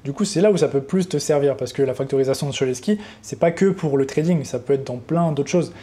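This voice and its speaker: A man's voice: medium pitch, fast talker, dark tone. A young man giving an unscripted coding tutorial, talking casually to the viewer and rambling a little as he works. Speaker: trading educator.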